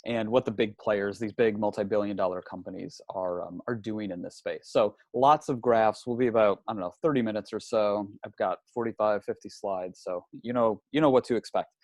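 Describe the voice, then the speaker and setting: A real estate industry analyst, who is not from New Zealand, presents a live webinar from a hotel room, talking through slides conversationally and often repeating words and restarting. His voice is on the low side with a darkish tone, at a normal speed and with no room sound.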